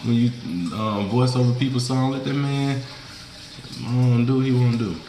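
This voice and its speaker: A man's voice: mid-range voice, fairly even intonation, normal speed, mellow, roomy sound, slight background noise, poor audio. A young man with a rural Mississippi Southern accent, chatting casually and colloquially to viewers as a food vlogger. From Mississippi, USA. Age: young adult. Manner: colloquial, folksy, informal slang. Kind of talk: casual mukbang chat to viewers. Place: small indoor room, seated at a table.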